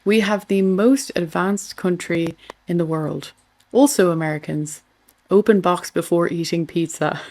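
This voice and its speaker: A woman's voice: lowish voice, a little slow, a little mellow. A woman hosting a show, reading out captions and commenting on political memes. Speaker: host.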